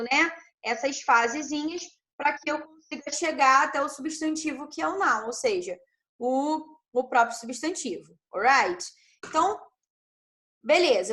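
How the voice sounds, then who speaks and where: Her voice sits high and a bit bright as she leads an English grammar lesson on a video call. She walks students through each step, frequently tacking on tag questions to check they're following.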